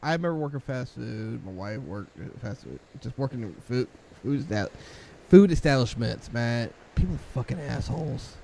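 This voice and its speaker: A man's voice: mid-range voice, expressive, normal speed, gravelly, warm tone. A man co-hosting a podcast in casual chat, laughing often and swearing freely. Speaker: podcast co-host.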